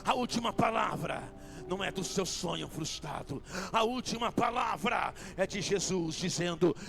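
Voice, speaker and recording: A man preaching a fiery sermon as a bishop in a church, with a Brazilian accent, shouting in repetitive refrains and then dropping to a hush. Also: high-pitched, moderate pace, creaky. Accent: Brazilian Portuguese. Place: church sanctuary. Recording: music playing behind the voice.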